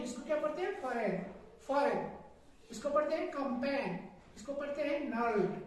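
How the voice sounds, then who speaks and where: Woman teacher, high voice, slow deliberate delivery, spells letters out and quizzes, echoey room, mic far off. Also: a little mellow. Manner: spells words letter by letter and quizzes with repeated questions. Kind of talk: classroom lesson on spelling.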